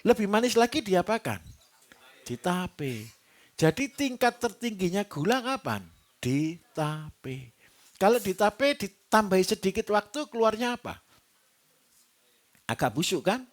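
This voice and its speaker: A man with a Javanese accent gives a livestock-farming seminar, quizzing the audience and joking as he goes. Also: sits high. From Java. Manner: lively, quizzing the audience with jokes. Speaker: livestock trainer. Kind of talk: seminar talk to a live audience.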